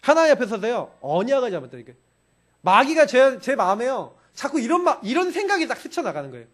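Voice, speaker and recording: High, animated Korean pastor preaching. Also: male voice, brisk. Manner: animated preaching, acting out quoted voices. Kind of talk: sermon. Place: church sanctuary.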